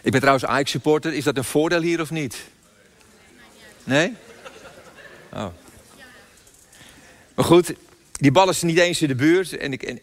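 A man's voice: a little high, fairly bright tone. Older male preacher in a reverberant hall. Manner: storytelling, emphatic, with pauses and repetition. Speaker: pastor. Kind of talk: sermon with personal story. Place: church hall.

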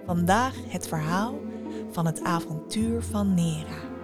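A woman narrating a folk tale in a hushed, dramatic storytelling manner. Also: fairly low pitch, slow, loud music behind the voice.

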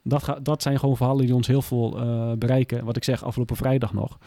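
A man's voice: mid-range voice, level tone, fast, dark tone, dry recording, clean studio sound. A man in a candid interview who speaks bluntly and plainly and often swears. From Groningen. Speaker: guest, former police officer.

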